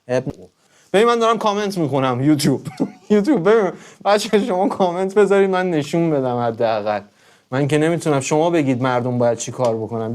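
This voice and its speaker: A man on a live stream, talking straight to his viewers in an emphatic, repetitive way, swinging between loud urging and low murmuring. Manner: emphatic, repeats words over and over.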